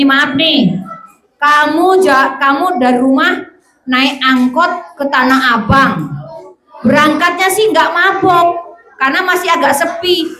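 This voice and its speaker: A woman giving a lively classroom lesson to children as a religious teacher, often quizzing and hushing the pupils. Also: sits high. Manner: lively, calls out to hush and question pupils. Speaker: religious teacher at a school Ramadan camp. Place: school hall with children. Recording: echoey hall with background noise.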